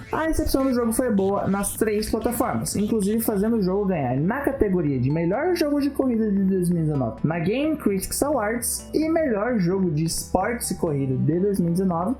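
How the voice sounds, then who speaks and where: A woman's voice: a little high, a little mellow. A woman with a Brazilian accent narrating a scripted video as a game channel host, with informal, chatty asides. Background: background music.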